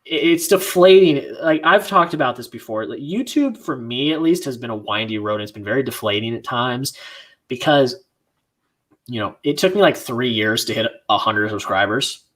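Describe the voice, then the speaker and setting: A man hosting a livestream, chatting casually in an earnest, rambling way that grows animated when he is frustrated. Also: mid-range voice, moderate pace. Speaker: livestream host.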